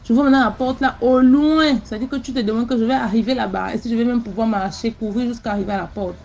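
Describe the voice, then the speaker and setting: Her voice a little high and edged with vocal fry, a woman quickly narrates a mystical tale from her own life, repeating phrases and using sound words in an animated way. The audio comes across slightly dull.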